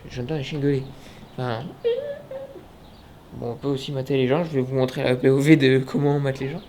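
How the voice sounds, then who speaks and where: A man's voice: medium pitch, fairly even intonation, fairly quick, darkish tone, slight background noise. Chatty young man giving a home tour. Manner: chatty, joking, many fillers. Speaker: vlogger. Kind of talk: casual apartment tour vlog. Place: indoors and on a balcony.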